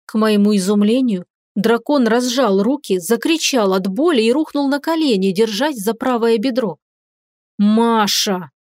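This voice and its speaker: A woman narrating a first-person audiobook with an expressive, dramatic delivery. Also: fairly high pitch, moderate pace, dry recording, clean studio sound. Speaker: audiobook reader.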